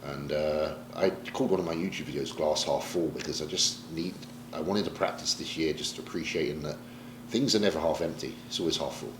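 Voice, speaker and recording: A man's voice: very deep voice, fairly quick, few pauses, noisy background. A man from Britain, a pro bodybuilder, talking candidly and emotionally in a sit-down interview, swearing casually as he reflects. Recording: roomy echo, faint ambience.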